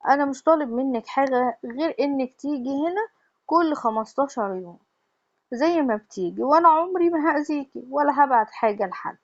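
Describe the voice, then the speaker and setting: A woman with an Egyptian accent voicing a controlling young man who blackmails his lover in a quiet, coaxing tone. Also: sits high, lively intonation, a little fast, muffled recording, voice pushed up. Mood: calm menace. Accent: Egyptian Arabic.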